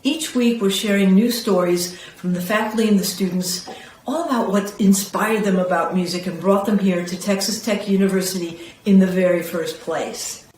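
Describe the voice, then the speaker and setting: A school music director reads a short scripted welcome message in a smooth, even delivery. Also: mid-range voice, moderate pace. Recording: echoey room, faint ambient noise.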